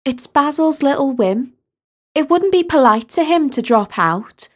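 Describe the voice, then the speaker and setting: Woman doing a sly friend in a storybook, soft coaxing, a bit higher. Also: expressive, a little slow. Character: young woman, sly but gently persuasive friend.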